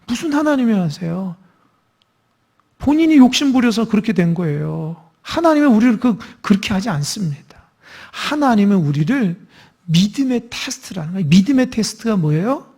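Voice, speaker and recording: A man's voice: sits high, a little mellow. A male pastor preaching a midweek church sermon, earnest, asking the congregation questions.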